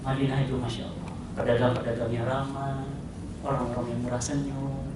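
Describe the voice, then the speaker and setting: A male preacher giving an animated sermon, firing questions at the crowd and imitating car horns. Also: medium pitch, brisk. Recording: echoey hall, distant mic, noisy.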